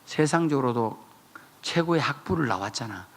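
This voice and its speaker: A man preaching a revival sermon in a church, telling stories with sudden shouted high bursts. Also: moderate pace, vocal fry. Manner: animated storytelling, jumping to shouted high bursts. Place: church sanctuary.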